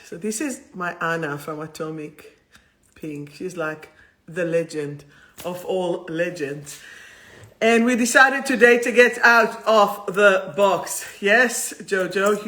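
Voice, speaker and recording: A fairly bright tone marks this woman's mid-range voice as she hosts a spiritual livestream talk. With her Israeli accent, she keeps things effusive, playful and rambling.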